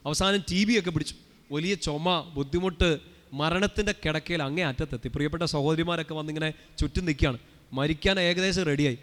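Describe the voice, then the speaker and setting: A male priest preaches rapidly to a gathered congregation, his fairly high voice trailing a long reverb through a large prayer hall. He keeps it conversational, tossing questions at the listeners and prompting them to respond together. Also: fairly bright tone. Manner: chatty, asks the crowd questions and has them answer. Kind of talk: live sermon to a congregation.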